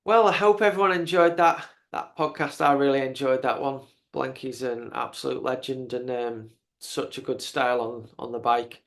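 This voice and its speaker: Halting man in his fifties. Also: mid-range voice, steady tone, a bit bright. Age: 50s. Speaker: podcast host. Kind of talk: casual interview chat.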